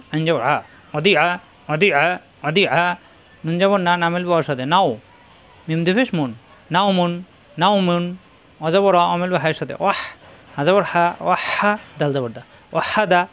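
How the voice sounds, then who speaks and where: A man teaching Quran reading. He spells out letters and vowel marks slowly and repeats each sound patiently. His voice sits a little high for a man. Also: a bit bright. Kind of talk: spelling-out recitation lesson.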